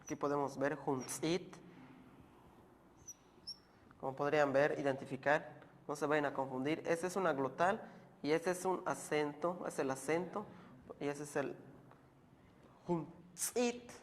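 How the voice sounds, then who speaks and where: A man teaching a language lesson, explaining slowly and patiently and repeating each word so the learner can follow. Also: fairly high pitch, steady tone, slight background noise.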